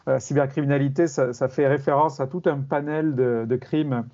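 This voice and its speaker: A middle-aged man from France, a criminology professor explaining his field in an interview, measured and hesitant with many fillers. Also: medium pitch, fairly even intonation, dark tone, highs cut off.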